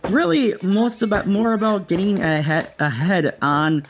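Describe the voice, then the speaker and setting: A man's voice: high voice, animated, a little slow, a little hiss or hum. A man doing live wrestling commentary, calling the moves and adding analysis as a commentator.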